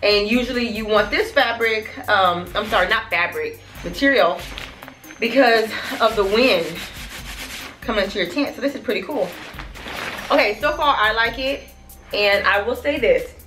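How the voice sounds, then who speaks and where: A woman in her thirties, a family vlogger chatting casually to her viewers in a product review, animated and calling them y'all. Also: a little high, normal speed, faint music behind. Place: small room in front of a plain wall. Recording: echoey room.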